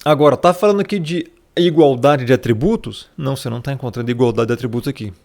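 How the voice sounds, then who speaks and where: A man teaches scripture in a relaxed Bible study, walking through it point by point. His voice has a gravelly rasp and sits at an ordinary middle pitch. He keeps it conversational, often tossing in little tag questions and calling the listener brother. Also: quick pace. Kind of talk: casual Bible study explained over a shared screen.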